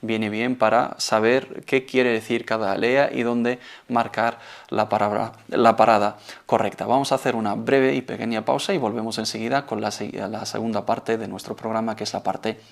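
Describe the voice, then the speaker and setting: Gravelly-voiced man teaching recitation. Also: on the low side, little pitch movement. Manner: measured explanatory teaching with Arabic phrases. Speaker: Quran recitation teacher, show host. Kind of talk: televised religious lesson.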